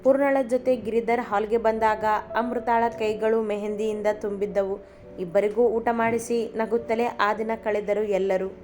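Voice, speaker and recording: Woman narrating a story, flat delivery. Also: medium pitch, a little slow. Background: soft instrumental music.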